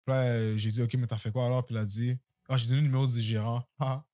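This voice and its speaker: A young man with a Quebec French accent tells a story on a casual podcast, loud and animated, with English slang mixed in. His voice sits at a middle pitch and sounds close and dry, with no room echo. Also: fast talker. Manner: loud-spoken. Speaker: podcast co-host. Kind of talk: casual chat.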